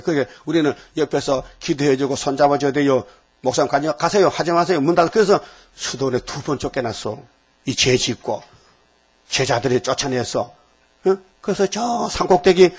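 A man's voice: on the high side, breathy edge. A man preaching an informal sermon to a small group, folksy and chatty, often asking the listeners questions.

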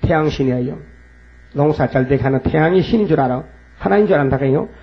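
A man's voice: fairly high pitch, fast. A man preaching a fervent sermon. He reads scripture aloud and keeps asking and answering his own rhetorical questions. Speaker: pastor. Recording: dull lo-fi recording with mains hum.

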